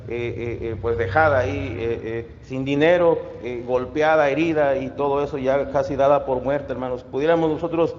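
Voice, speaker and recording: A male pastor giving a sermon, halting with many fillers and restarts. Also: medium pitch, fairly even intonation, darkish tone, a little hiss or hum. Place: church. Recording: echoey hall, dull lo-fi sound.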